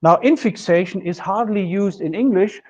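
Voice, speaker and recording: A middle-aged German lecturer, a native German speaker, teaches linguistics in a classroom with a projection screen, explaining points step by step in a measured way as he writes on the board. His voice is a little high for a man, darkish and slightly rough. A camera across the room recorded the university lecture, so the audio is dull and lo-fi.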